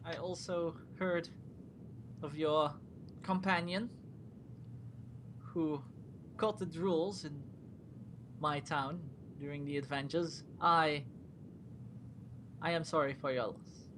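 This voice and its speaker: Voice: medium pitch, steady tone, takes it slowly, pauses often, background noise, close to an everyday voice. A game master doing a courtly formal prince. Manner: stately, formal phrasing.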